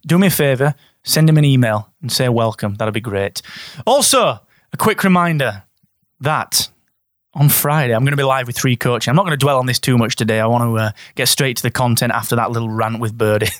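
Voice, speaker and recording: A man's voice: medium pitch, fairly quick, no echo, clean studio sound. A man from Barnsley, England, hosting his own solo business podcast in a chatty, straight-talking way. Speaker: podcast host.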